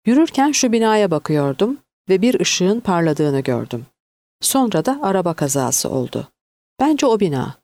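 A woman's voice: on the low side, very animated, normal speed, mellow, no echo. Woman reading as a shaken young woman witness. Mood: urgent.

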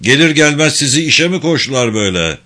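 A man voicing a gray-haired, fatherly army commander who speaks loudly in a storybook reading. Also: sing-song, a little fast. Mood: stern to warm. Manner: booming, fatherly.

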